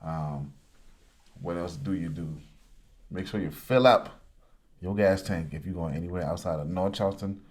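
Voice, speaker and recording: A man with a Lowcountry Gullah Geechee accent from coastal South Carolina, chatting casually on a podcast. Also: moderate pace, pauses often, darkish tone. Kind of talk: casual conversation.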